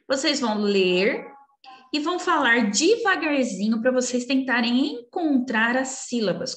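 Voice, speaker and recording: A woman teaching young children over a recorded video, slowly and coaxingly walking them through a worksheet. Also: fairly high pitch. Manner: slow, coaxing, talks down gently to young children. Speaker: primary school teacher. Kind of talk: recorded remote class walkthrough. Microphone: computer recording while sharing screen. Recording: echoey room.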